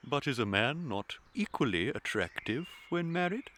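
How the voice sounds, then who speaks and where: A man's voice: medium pitch, very animated, fairly bright tone, a little hiss or hum. An actor playing a fussy, kindly middle-aged English clergyman in a radio comedy, pompous and unctuous in manner. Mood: sly, genial. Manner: unctuous, deliberate, sermonising. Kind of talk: period stage comedy radio acting.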